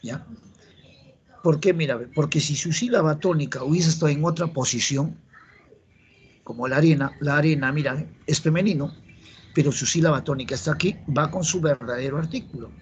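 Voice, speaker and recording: A little high and a little fast, with a breathy edge, this man's voice carries a Peruvian Spanish accent. He teaches grammar for an entrance exam, explaining patiently, going over key rules repeatedly, and putting questions to his students.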